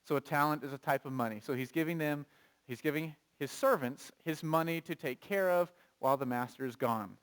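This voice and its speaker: A pastor preaching a sermon, conversational and animated, asking the congregation questions and reading scripture aloud. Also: male voice, fairly high pitch, brisk, clear, resonant tone.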